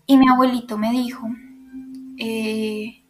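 Young woman, Bogotá Colombian accent, podcast host, candid and emotional, slightly high voice. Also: flat delivery, slow pace, fairly bright tone, soft background music. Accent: Colombian, Bogotá area. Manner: emotional, candid, full of fillers like "como" and "o sea". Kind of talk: casual personal storytelling.

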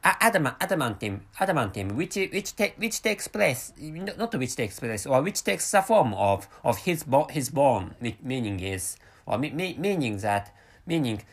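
A Japanese man in his thirties hosts a rambling solo podcast in English, which is his second language, speaking with a Japanese accent. His mid-range voice has a sing-song lilt, and his delivery is halting, full of restarts and repeated words.

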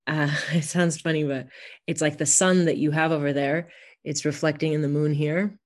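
A woman's voice: low voice, steady tone, normal speed. Woman chatting as a podcast guest. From California, United States. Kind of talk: casual interview chat.

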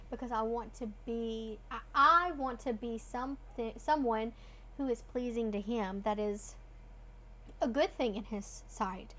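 A woman's voice: on the high side, fairly bright tone. A woman co-hosting a casual faith discussion in an earnest, teaching tone. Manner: earnest, teaching tone with quick asides. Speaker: co-host.

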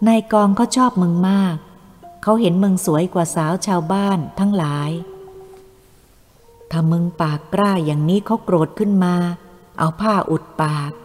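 Brief: a woman reading as a bullying male collaborator, low and coarse, in a reverberant room with faint music. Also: a little mellow, lightly acted. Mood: coaxing, coarse. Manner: coarse, threatening, slow and heavy. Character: cruel male traitor, Thai collaborator, menacing.

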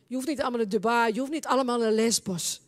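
A high-voiced woman preacher, likely Dutch-sounding plain speech, leading a charismatic church service. Her preaching is fervent and swells into loud impassioned prayer. The voice sits well above usual for a woman. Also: fast. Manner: speaks in tongues between prayers.

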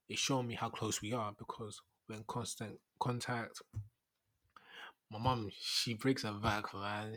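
A man's voice: on the low side, a bit bright. A young man with a London roadman accent and heavy street slang, chatting informally as he hosts a solo podcast. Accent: London, Multicultural London English. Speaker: podcast host. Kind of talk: casual solo podcast chat.

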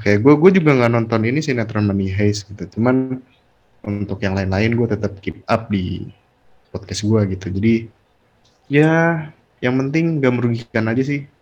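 A man's voice: medium pitch, moderate pace, darkish tone, highs cut off. A man talking as a guest on a casual podcast, easygoing and thinking aloud with fillers.

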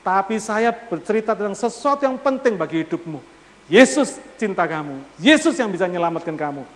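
A man's voice: high voice, sing-song, brisk. A man preaches a sermon. He keeps turning to the congregation with rhetorical questions and drops casual slang into formal speech. His voice rings out with a long reverb through a church hall. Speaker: pastor.

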